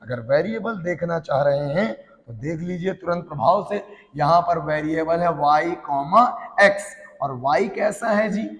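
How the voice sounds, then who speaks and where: A man's voice: a little high, animated, measured pace, fairly bright tone, reverberant, in a large hall. A man teaching a physics class, answering his own playful questions in a call-and-response way. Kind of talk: classroom lecture.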